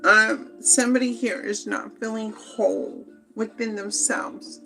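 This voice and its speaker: A woman giving a slow, meandering spoken tarot reading, with many fillers and pauses. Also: fairly high pitch, steady tone, vocal fry, music in the background, rough recording. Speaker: tarot reader.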